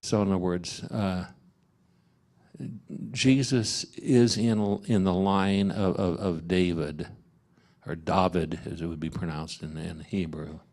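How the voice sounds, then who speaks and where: Slow, gravelly-voiced man leading Bible study. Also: sits low, steady tone, a little mellow. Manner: halting, many fillers and restarts. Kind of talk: informal Bible study teaching. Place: parish meeting room.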